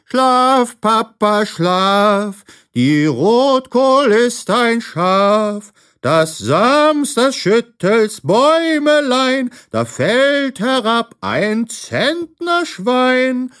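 A man voicing a cheeky, noisy childlike creature with a high, piercing voice that sings badly off-key. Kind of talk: audiobook character voice.

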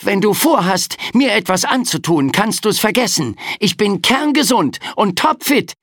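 A man's voice: sits high, very animated, measured pace, a bit bright, no room sound, clean studio sound, pitched above the performer's own voice, full character voice. A man voicing a frightened young boy in an audiobook, blustering and boastful to hide his fear. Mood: defiant. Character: scared, defiant young boy. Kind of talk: audiobook character voice.

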